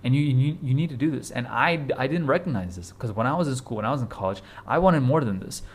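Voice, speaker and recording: Talking fast with lively intonation at a medium pitch, a twenty-something fitness vlogger delivers an informal motivational message to camera. He's blunt, urgent and repetitive, with casual cursing.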